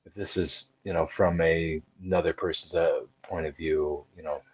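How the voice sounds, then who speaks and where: Deep, husky man on dull lo-fi audio. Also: fairly even intonation, moderate pace, fairly bright tone. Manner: hesitant, restarts, frequent "you know". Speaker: podcast co-host. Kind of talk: casual podcast discussion.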